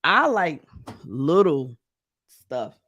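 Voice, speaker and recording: A young man from the Midwest with a somewhat high voice, chatty and excitable as he tells stories. The sound is dry and close, with no room in it. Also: very slow, dry recording. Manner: chatty and excitable, with animated storytelling. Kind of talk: casual chat.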